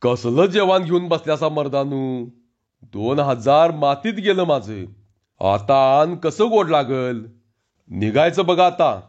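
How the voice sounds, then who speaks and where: Male reader as irritable village contractor: scolding, rough rustic speech, lively pitch, lo-fi. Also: slow pace. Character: angry rustic male wrestling-bout contractor. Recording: dull lo-fi recording.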